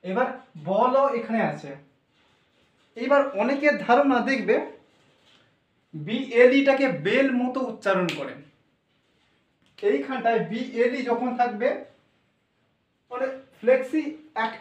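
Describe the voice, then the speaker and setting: A man teaching English pronunciation, explaining step by step and asking his students questions. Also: very high-pitched. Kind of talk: explanatory classroom lesson. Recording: echoey room, voice from far off.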